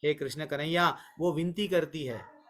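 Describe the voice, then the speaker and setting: A man teaching a spiritual class on a video call, animated, often asking rhetorical questions and chanting. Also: a little high, normal speed, slight background noise.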